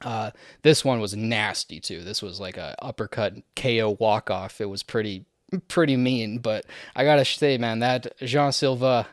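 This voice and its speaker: A young man from Canada giving a casual, chatty breakdown of recent fights, laughing often and filling pauses with "you know" and "uh". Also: lowish voice, dry recording, clean studio sound. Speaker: MMA fight commentator.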